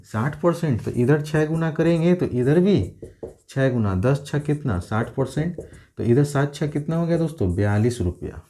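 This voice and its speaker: A man's voice: on the high side, warm tone. A man teaching a maths lesson step by step, asking his students questions and answering them himself. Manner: speaks the students' replies for them. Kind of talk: classroom lesson.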